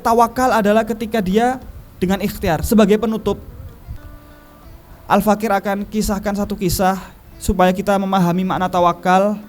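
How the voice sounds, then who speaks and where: A male preacher with a fairly high voice gives an emphatic sermon and tells stories as he goes. He speaks to a religious gathering, with faint music in the background. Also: darkish tone. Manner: storytelling, emphatic.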